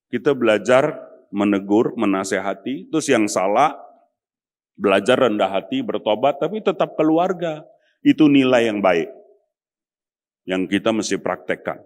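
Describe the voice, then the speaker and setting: A man preaching as pastor in a chatty, humorous way, sometimes acting out the people he quotes. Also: medium pitch. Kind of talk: sermon.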